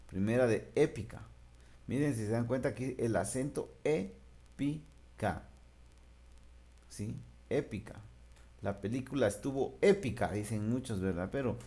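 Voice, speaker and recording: A man's voice: mid-range voice, darkish tone. A man teaching a remote class, patiently explaining and stretching out syllables.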